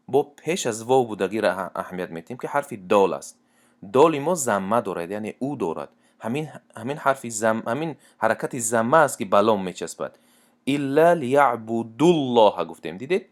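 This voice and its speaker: A man teaching Quran recitation rules, explaining step by step and reciting verse examples. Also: medium pitch. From Tajikistan. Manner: plain explanatory talk, repeats and restarts, then slow drawn-out chanted recitation.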